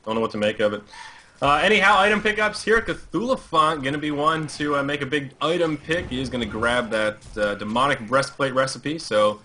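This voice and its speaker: A man's voice: mid-range voice, a little fast, sharp tone. A man co-casting a live game over a voice call, easygoing and joking, often stumbling and restarting. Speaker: esports caster. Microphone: headset over voice call.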